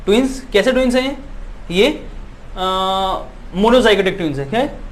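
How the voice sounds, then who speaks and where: A man's voice: high voice, lively intonation, unhurried, slight background noise. A male biology teacher giving an exam-prep lecture, repeating points and constantly checking that students follow, insistent and reassuring. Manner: repetitive, keeps asking "है ना" to check students follow; reassuring and insistent, promises results.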